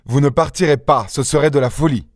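Audiobook role: man reading a commanding gentleman protector, firm and measured, dry booth sound. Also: mid-range voice, no echo, pitched above the performer's own voice, lightly acted.

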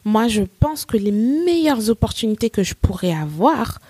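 A woman's voice: on the high side, moderate pace, slightly rough, dry recording. A woman talking as a podcast guest, telling stories with energy and acting out quotes. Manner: animated storytelling, acts out quotes. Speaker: guest, English-teaching entrepreneur. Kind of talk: casual podcast conversation.

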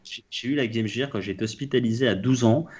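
A man's voice: medium pitch, quick pace, darkish tone. Parisian man on dull lo-fi audio. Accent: Parisian French. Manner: playful, mock-solemn teasing. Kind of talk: casual chat.

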